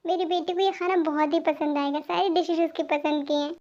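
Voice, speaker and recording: A woman voicing a gentle, calm mother and wife in an amateur fan dub. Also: very high-pitched, a little fast. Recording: dull lo-fi home recording.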